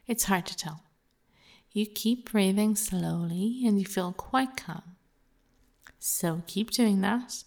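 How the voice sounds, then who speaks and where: A woman reading a scripted hypnosis narration in a measured, soothing, persuasive way. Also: medium pitch, creaky, a little mellow.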